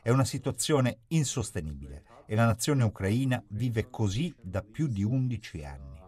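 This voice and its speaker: A man reading an Italian voice-over for an interviewee, measured and earnest. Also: lowish voice, sing-song, a little mellow.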